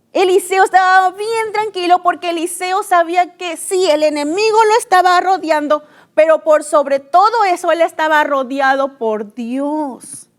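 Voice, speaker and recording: High-voiced woman preaching a sermon. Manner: earnest storytelling of scripture, acting out quoted cries.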